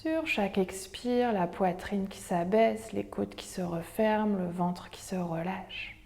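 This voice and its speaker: A woman leading a guided breathing meditation in a soft, breathy, near-whispered voice, with soothing, measured instructions. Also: mid-range voice. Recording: long hall-like reverb.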